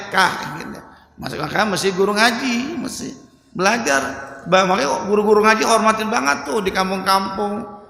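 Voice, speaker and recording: A high, bright male preacher with a Betawi Indonesian accent lectures in a mosque hall, his voice ringing with long reverb. He switches between easygoing explanation and slow, drawn-out chanting of verses, dropping in light jokes. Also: vocal fry. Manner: joking asides with soft laughs. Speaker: Islamic religious teacher. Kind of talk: mosque study-circle lecture.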